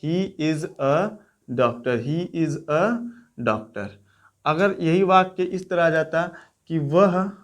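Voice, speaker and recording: Slightly high-voiced male teacher. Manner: repeats example sentences slowly, asks and answers own questions. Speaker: English teacher. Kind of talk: explaining grammar to students.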